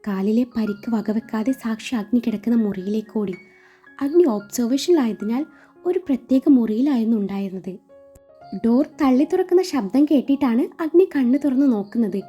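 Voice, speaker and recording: Soft-voiced woman narrating a romance story. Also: a little high, slightly rough. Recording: dull lo-fi recording with faint music.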